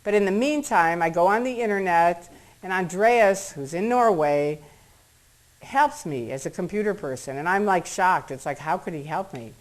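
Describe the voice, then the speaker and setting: Before an audience in a meeting room, a middle-aged American woman tells a personal story at a public talk, acting out others' words in shifting voices. Her fairly low voice is expressive and moves at a normal speed, in a rough recording.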